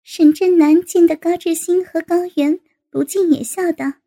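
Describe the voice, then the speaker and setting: Woman reading a story out, super high voice, gravelly. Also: moderate pace. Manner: steady storytelling. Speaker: narrator. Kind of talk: read-aloud story narration.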